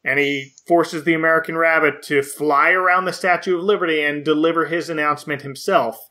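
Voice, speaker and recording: A man's voice: on the high side, fairly even intonation, fairly quick, pushed and bright. A man co-hosting a podcast, casually recapping a film in a wry, joking way. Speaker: podcast co-host.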